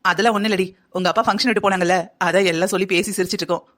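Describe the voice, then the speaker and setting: A woman's voice: medium pitch, fairly even intonation, very fast, close to an everyday voice. A woman voicing a caring mother in a cartoon story, giving motherly advice. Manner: motherly, advising. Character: caring middle-aged mother.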